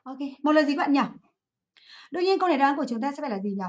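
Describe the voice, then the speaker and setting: A woman's voice: high voice, animated. A woman English teacher from Vietnam, giving a livestream exam review, asking her students questions and answering them herself. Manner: drills English words by repeating them slowly.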